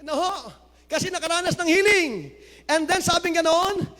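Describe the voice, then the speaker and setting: Man, pastor, very high voice, sermon in a church hall, long reverb. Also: normal speed. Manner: mixes Tagalog and English, reads scripture aloud; rises to loud exclamations of praise.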